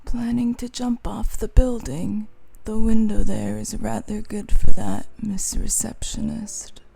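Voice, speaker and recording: A woman voicing a gloomy, aloof teenage boy who is a ghostly mourning dove, with a creaky, deadpan delivery. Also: medium pitch, heavily acted. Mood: eerie. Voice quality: creaky, dark, slow whisper-tinged delivery. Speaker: fan dubber of a dating-sim character.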